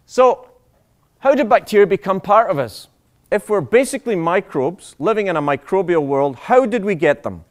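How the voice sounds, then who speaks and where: A man, a doctor, giving a public lecture, animated and full of rhetorical questions to the audience. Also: high voice, normal speed.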